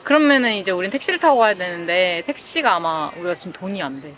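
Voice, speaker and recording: A woman's voice: lowish voice, lively intonation, fast, fairly bright tone. A young woman chatting casually in a travel vlog outdoors, playful and exclamatory. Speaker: travel vlogger. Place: outdoors in a small town. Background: background music.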